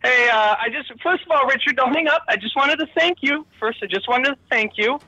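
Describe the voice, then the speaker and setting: A man's voice: very high voice, a little fast, pushed and bright, no room sound, heavily acted. A man playing a rambling, overly familiar prison inmate who calls in to a show from a prison payphone and keeps repeating the host's name. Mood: chummy. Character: chummy male prison inmate calling in. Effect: prison payphone line. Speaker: caller. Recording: dull muffled phone line.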